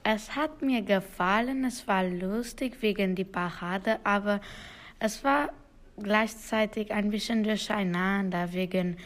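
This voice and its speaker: A woman student answers at a slow, unhurried pace. Her pitch sits in a middle range, and she stops here and there to find her words. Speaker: student interviewee.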